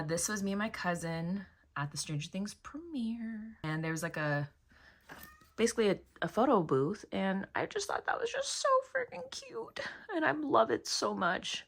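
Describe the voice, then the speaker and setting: A woman's voice: on the low side, distant mic. A young woman vlogger chatting casually and emotionally to camera, rambling and swearing as she goes. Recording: echoey room, away from mic.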